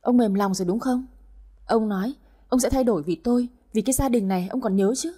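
A woman voicing an older wife who answers calmly and firmly, with a husky voice. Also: fairly high pitch. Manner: calm, measured, firmly reproachful. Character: older wife, calm, firm and reproachful.

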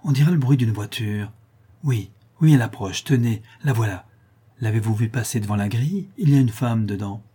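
A man reading aloud and voicing a rough, outspoken working-class woman in an audiobook. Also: on the low side, fairly quick, dark tone. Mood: blunt. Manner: gruff and outspoken.

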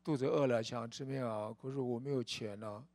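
A man's voice: mid-range voice, steady tone, brisk, darkish tone, dry recording, voice pushed down, lightly acted. A man voicing a runaway young schoolgirl in a retold story, sounding plaintive and tearful.

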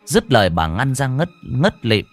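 A man narrating a ghost story in a dramatic, expressive storytelling manner. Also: on the low side, a little slow, faint music behind.

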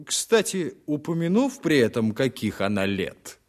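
An ironic young gentleman, played by a man in an audiobook, with very lively intonation. He sounds mocking and coolly skeptical, in a mid-pitched voice. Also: unhurried. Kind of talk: dramatized audiobook reading.

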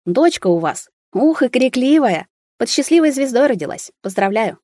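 A woman voicing a cheerful young nurse who teases in a bright, raised voice in an audiobook. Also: sing-song, a little fast, no room sound, studio quality. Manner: bright, teasing, high.

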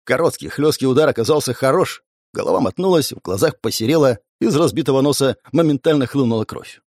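A man narrating a first-person audiobook in a lively, expressive reading. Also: mid-range voice, fast, no room sound, clean studio sound.

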